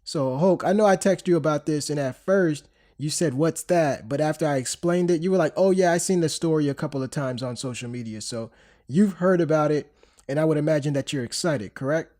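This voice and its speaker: Congested from a cold, a male podcast host in his thirties talks fairly quickly in a slightly high voice with a darkish tone. He rambles casually, often restarting and using fillers.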